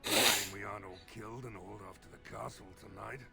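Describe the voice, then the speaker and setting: A gravelly, weary village mayor. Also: male voice, fairly low pitch, fairly even intonation, fast talker, over loud music. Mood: weary urgent. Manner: blunt, weary and pleading. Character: worried male village mayor, middle-aged, blunt.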